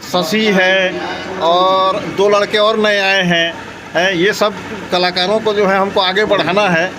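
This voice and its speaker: Earnest middle-aged man with a high voice. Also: steady tone, measured pace, poor audio. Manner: earnest, explanatory. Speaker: senior local singer and organizer. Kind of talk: explaining plans in conversation.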